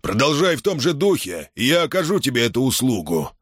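A man voicing a stern, commanding alien pirate leader who speaks harshly and forcefully in an audiobook. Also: medium pitch, sing-song, brisk, slightly rough, no echo, clean studio sound, pitched above the performer's own voice.

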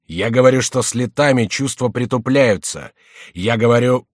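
A man's voice: mid-range voice, moderate pace, dry recording, clean studio sound, natural voice. A man voicing a distraught, hot-tempered male king in an audiobook, wailing and ranting. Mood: reproachful.

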